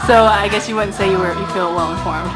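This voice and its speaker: A teenage girl interviewing classmates with brisk questions. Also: medium pitch, steady tone, over loud music, poor audio. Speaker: student interviewer.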